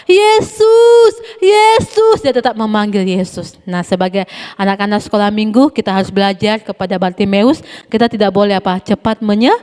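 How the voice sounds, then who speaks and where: Animated woman teaching Sunday school, echoey. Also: medium pitch, fairly quick, clean tone. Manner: animated, quizzing children with questions. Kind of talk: telling a Bible story to children. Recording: echoey room with long reverb.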